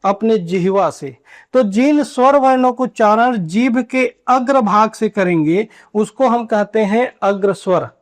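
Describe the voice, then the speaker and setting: A man teaching a grammar lesson at a board, asking questions and answering them himself, and drawing out key terms slowly. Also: sits high. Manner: asks and answers his own questions. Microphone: writing on a board while teaching.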